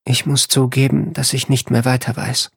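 A man voicing a calm, unflappable female ambassador who speaks in a dry, matter-of-fact way, in an audiobook. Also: medium pitch, normal speed, creaky, slightly rough, no room sound.

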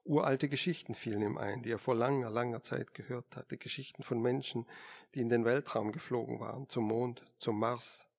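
A man giving steady scripted narration of a science fiction audiobook. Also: mid-range voice, normal speed, vocal fry. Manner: steady storytelling.

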